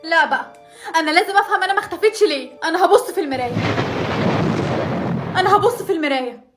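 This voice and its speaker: A woman with an Egyptian accent voicing the lead girl of a cartoon story, excitable and dramatic. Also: very high voice, over music. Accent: Egyptian Arabic. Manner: excitable, dramatic, quick to exclaim. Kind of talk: cartoon voice acting.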